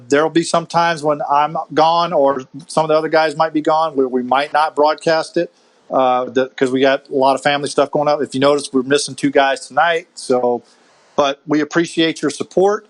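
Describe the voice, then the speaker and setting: A man's voice: a little high, poor audio. A man hosting a casual podcast over a video call, easygoing and chatty, laughing often and restarting his sentences. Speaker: podcast host. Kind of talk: casual chat.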